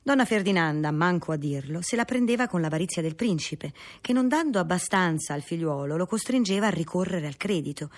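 A woman narrating a classic novel in a measured, steady reading voice, husky in tone. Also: lowish voice.

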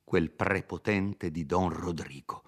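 Renzo, a man doing an earnest young villager. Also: sits low. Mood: pleading. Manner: earnest, pleading, hurried. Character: earnest young male villager, honest and upset. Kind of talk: dramatized reading of a classic novel.

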